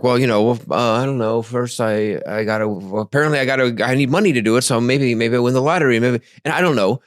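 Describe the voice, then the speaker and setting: A man co-hosting a casual spiritual podcast, talking reflectively with halting restarts and self-deprecating asides. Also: mid-range voice, dry recording, clean studio sound. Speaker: podcast co-host.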